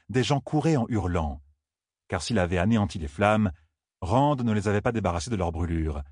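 Man narrator, very deep voice, husky, steady grave reading, dry close sound. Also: dry recording. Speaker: audiobook narrator. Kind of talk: scripted fantasy narration.

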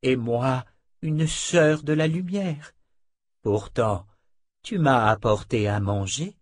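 Man voicing a gentle older abbess, measured, soft, husky voice. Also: medium pitch, dry recording, studio quality, pitched above the performer's own voice. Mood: wry. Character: older captive abbess, gentle yet firm.

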